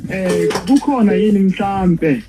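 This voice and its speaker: A man with a Zulu accent calling in casually as a fan, asking questions in a halting way. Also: sits high. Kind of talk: casual phone chat. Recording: dull phone line, music behind.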